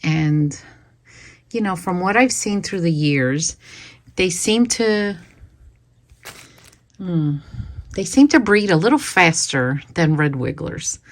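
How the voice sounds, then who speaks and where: Hiccuping as she goes, a woman hosts her worm farming channel outdoors at her worm bins, chatting eagerly with fillers and repeats in casual vlog fashion. Her lowish voice is expressive and slow, with frequent pauses.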